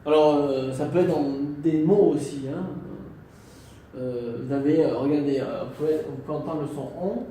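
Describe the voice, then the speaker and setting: A man's voice: a little high, moderate pace, dark tone, recorded from a distance. A man teaching a French class, patiently repeating words and tagging phrases with little checks to his students. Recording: echoey classroom from afar, faint noise.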